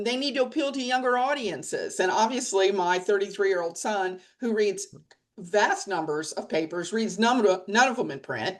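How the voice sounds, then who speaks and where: Blunt middle-aged woman on a webinar. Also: medium pitch. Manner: blunt, plain-spoken, emphatic. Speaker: press association leader. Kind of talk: webinar discussion. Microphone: video call.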